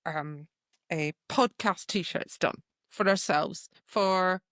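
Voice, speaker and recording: A woman's voice: fairly low pitch, slow, fairly bright tone, no room sound, clean studio sound. A middle-aged woman co-hosting a podcast in casual chat, chatty and laughing often. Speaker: podcast co-host.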